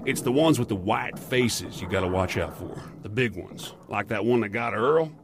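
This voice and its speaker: A man playing a world-weary, middle-aged motel keeper who fights demons, gruff, folksy and terse, in a horror-comedy audio drama. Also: lowish voice, animated, normal speed. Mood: weary, grim. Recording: clear background ambience noise.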